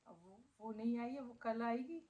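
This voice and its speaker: A woman's voice: on the high side, normal speed, warm tone, dull audio. A middle-aged woman vlogging casually at home, emotional and doting as she talks about her pet dog. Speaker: family vlogger. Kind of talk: casual home vlog talking to viewers. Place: at home indoors.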